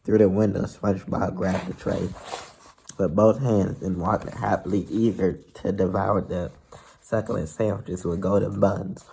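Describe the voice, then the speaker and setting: A man's voice: low voice, flat delivery, unhurried, creaky, mellow, a little hiss or hum. A man reading a children's novel aloud who stumbles and restarts now and then. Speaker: reader of a novel.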